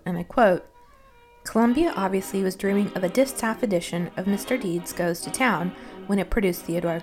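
Woman, medium pitch, articulate scripted film-essay narration, measured delivery, light music behind. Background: music under the voice.

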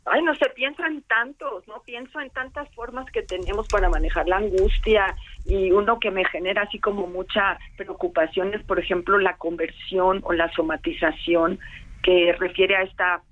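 A woman takes part in a casual discussion among psychoanalysts, thinking aloud in a reflective way. She comes through a narrow, tinny phone line. Her pitch sits in the middle. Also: normal speed.

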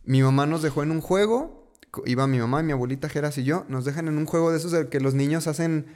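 A man's voice: on the high side, fast, a little mellow. Mexican man telling a story casually. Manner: conversational, repeats words for emphasis, slangy asides.

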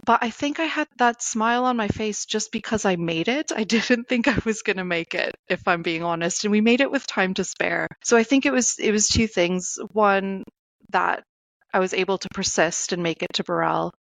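A woman's voice: mid-range voice, moderate pace, creaky, fairly bright tone, dry recording. A woman with a Canadian accent, talking as a podcast guest and telling her own story conversationally. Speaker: podcast guest, endurance athlete.

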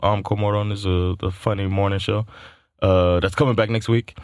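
A man's voice: lowish voice, fairly even intonation, a little fast, smooth, dry recording, studio quality. A man in his thirties co-hosting casual chat, rambling with many fillers and restarts. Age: 30s. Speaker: podcast co-host.

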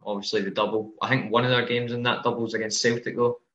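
A man co-hosting a casual fantasy football podcast, relaxed and hedging his picks. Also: mid-range voice, quick pace. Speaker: podcast co-host. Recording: roomy, dull lo-fi audio.

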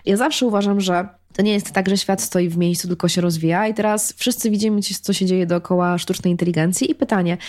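A woman's voice: lowish voice, steady tone, a little fast, hardly any pauses, a little mellow. A woman speaking as a podcast guest in casual conversation, engaged and talkative, often restarting phrases.

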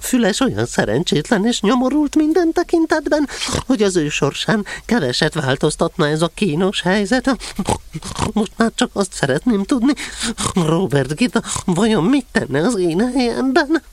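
A man's voice: high-pitched, very animated, slight background noise. A man playing a small, timid storybook piglet, plaintive and fretfully grumbling in an audio drama. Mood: grumbling, pondering. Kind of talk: audio drama character acting.

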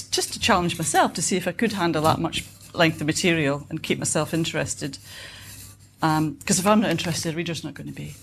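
A Scottish author in her fifties answers questions at a book event in a low-pitched voice, sounding reflective and wry in a conversational way. There is slight background noise.

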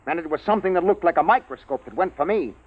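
An earnest, analytical male scientist presses his points with urgency in an old radio play. His voice is lively in pitch and slightly husky. The broadcast sounds thin and tinny. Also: fast talker. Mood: urgent. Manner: urgent, explaining. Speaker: scientist on a space base. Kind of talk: 1950s radio drama acting.

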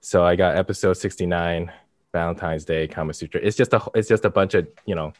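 Male podcast co-host, low register, monotone and casual, recorded dry and close. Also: fairly quick, no echo. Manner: monotone, flat delivery.

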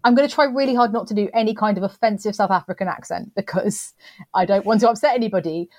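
A woman's voice: medium pitch, fast, a little mellow, no room sound. A woman co-hosting a podcast in casual, chatty talk, self-deprecating and full of restarts. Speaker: podcast co-host. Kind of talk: casual chat.

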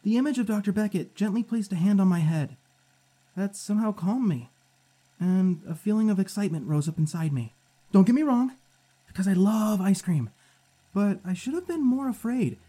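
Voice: medium pitch, lively intonation, normal speed, dark tone, lightly acted. A performer playing a spirited, sarcastic youngster who narrates an audio drama in an informal, candid way. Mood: candid, flustered.

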